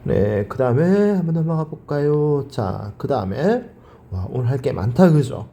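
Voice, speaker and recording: A man's voice: medium pitch, big pitch swings, moderate pace, vocal fry, warm tone. A male teacher giving a grammar lecture. He asks his class questions, answers them himself and drills the words by repeating them.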